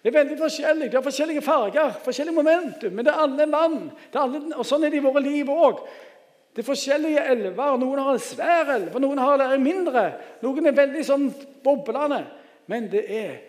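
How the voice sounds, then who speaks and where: A man giving a lively sermon in a church, joking with the congregation and calling out for amens. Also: very high-pitched, in a large hall. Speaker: guest preacher.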